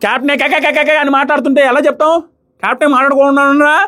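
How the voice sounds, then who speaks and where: A man voicing a loud, stubborn woman housemate who shouts and repeats herself, acting out a reality show quarrel in a casual review. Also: high voice, very fast, pitched above the performer's own voice. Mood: shouting angrily.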